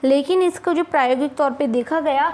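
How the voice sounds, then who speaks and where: Briskly and with a slightly mellow, high voice, a young woman runs an online chemistry lesson, walking through problems step by step. She reassures her students, addresses them as kids, and keeps posing rhetorical questions.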